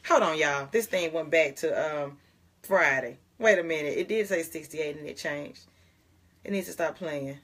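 A woman's voice: deep voice, normal speed, fairly bright tone, slightly rough. A young woman pastor, chatting casually with viewers on a morning livestream and praying, often laughing and calling them y'all. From Jackson, Mississippi. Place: home closet.

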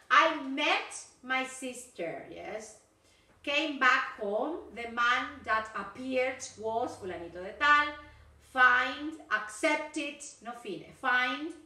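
High-voiced woman teacher, slow and echoey. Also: sharp tone. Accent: Rioplatense Spanish. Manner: corrective, switching between Spanish and English. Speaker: English teacher. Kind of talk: recorded video class feedback. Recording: echoey room, voice from far off.

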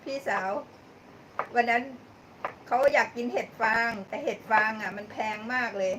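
Pitched fairly high and speaking at a normal speed, a woman runs a live-stream cooking show. She laughs a lot, chats loosely with viewers while cooking, and names them as she thanks them. Background noise is clear, with the mic set far away.

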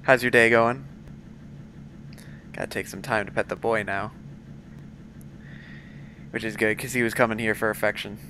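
A man's voice: fairly low pitch, steady tone, moderate pace, long pauses, noisy background. A man giving chatty live-stream commentary while playing a video game, talking to his viewers and his pet between moments of play.

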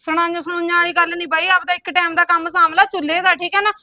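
Brief: woman as a bossy, high-voiced sister-in-law, dry close sound. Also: flat delivery, racing, sharp tone, no room sound, full character voice. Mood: nagging. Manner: scolding, keeps tagging lines with a curt "tell me". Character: bossy nagging elder sister-in-law, middle-aged woman. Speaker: elder sister-in-law in the household. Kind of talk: comedy skit acting.

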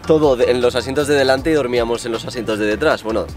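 A man, chatting to camera as a travel vlogger at an outdoor campsite, relaxed and enthusiastic. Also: mid-range voice, fast talker, over music. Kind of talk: casual chat to camera. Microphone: on-camera mic, handheld or tripod framing.

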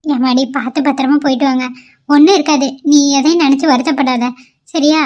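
A woman's voice: high-pitched, steady tone, brisk, darkish tone, muffled recording, lightly acted. A woman voicing an anxious, caring middle-aged mother-in-law in a cartoon, soothing and fretful by turns. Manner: soothing, fretful, calls on god. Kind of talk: cartoon voice acting.

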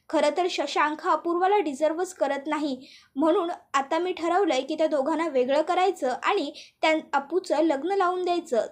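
A woman voicing a firm middle-aged father, a doctor, speaking decisively, in a serial recap. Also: very high-pitched.

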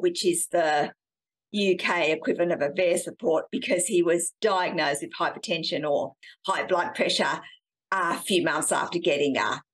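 A middle-aged woman hosting a science video, explaining to camera in an animated, emphatic way from a couch in a small room. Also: fairly low pitch. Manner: animated, emphatic, gesturing with hands.

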